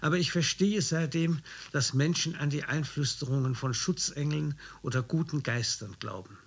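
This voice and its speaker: A man narrating a first-person memoir as an audiobook, in a husky, measured, reflective voice. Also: on the high side.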